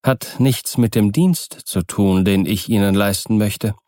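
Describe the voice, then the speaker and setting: A polite male visitor of uncanny, devilish nature, as a man voices him in an audiobook. He speaks low and softly, with a quiet, friendly sternness. The sound is close and dry. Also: a little slow, dry recording, lightly acted. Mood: calm courteous.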